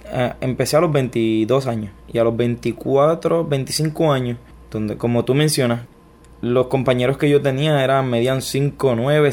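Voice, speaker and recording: A man's voice: medium pitch, a little mellow. A man with a Puerto Rican accent, a guest giving his personal testimony in an interview, speaking reflectively with many restarts and fillers. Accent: Puerto Rican Spanish. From Puerto Rico.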